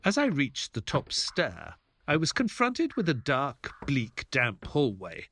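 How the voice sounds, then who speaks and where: A man playing a mild, earnest doctor who narrates his detective tale in a measured, polite audio play style. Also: mid-range voice, huge pitch swings, fairly bright tone, slight background noise, full character voice. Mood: reflective. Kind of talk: dramatic first-person audio play narration.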